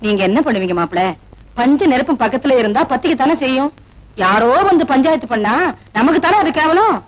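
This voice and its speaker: A woman's voice: high voice, expressive, brisk, rough recording. An actress playing a harsh, scheming middle-aged mother who scolds her daughter-in-law. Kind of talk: 1980s Tamil film acting. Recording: film soundtrack with music behind.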